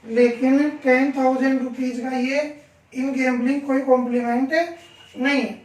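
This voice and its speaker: A male teacher giving a grammar lesson in a classroom, asking rhetorical questions and repeating examples slowly. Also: very high voice, fairly even intonation, darkish tone. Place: classroom with a board. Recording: echoey room, voice from far off.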